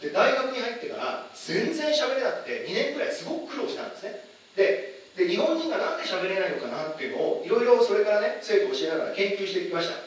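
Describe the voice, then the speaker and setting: A man teaching a lively lecture, asking his audience questions, with many fillers. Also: high voice, fast. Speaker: English teacher giving a lecture. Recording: echoey room, far from the mic, faint noise.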